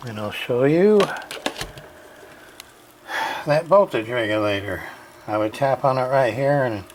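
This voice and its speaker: A man with a mid-range voice casually walks through a radio repair, halting often, restarting his sentences, and filling gaps with fillers. There is slight background noise.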